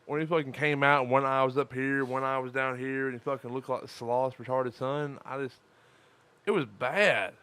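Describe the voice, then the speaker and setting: A man with a clear, medium-pitched voice and a noticeable lisp. He is tired from lack of sleep and chats casually as a podcast co-host, with crude jokes and plenty of profanity. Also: fairly even intonation, moderate pace, bright, forceful tone. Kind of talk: casual live-streamed chat.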